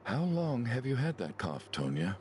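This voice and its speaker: A man's voice: mid-range voice, huge pitch swings, normal speed, darkish tone, a little hiss or hum. An actor playing a kindly, fretful middle-aged father in a video game, speaking in a hesitant, stammering way. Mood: gentle, sheepish.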